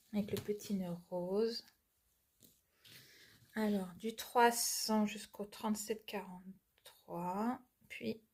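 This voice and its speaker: A woman with a stuffy nose from a cold, chatting casually through a craft unboxing and often dropping to a soft murmur. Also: medium pitch, slight background noise. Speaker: cross-stitch vlogger.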